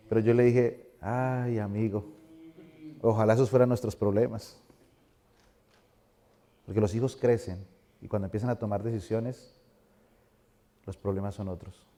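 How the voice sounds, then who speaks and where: A man's voice: medium pitch, warm tone. A middle-aged male pastor giving a conversational sermon in a church, asking the congregation questions.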